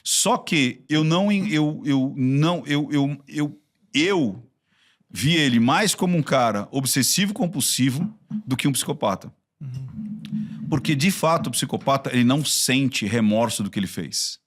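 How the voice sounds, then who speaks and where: A man's voice: medium pitch, measured pace. Chatty Brazilian man telling stories. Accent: Brazilian Portuguese. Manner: chatty, animated storytelling with frequent restarts. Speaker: body-language expert. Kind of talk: casual podcast conversation.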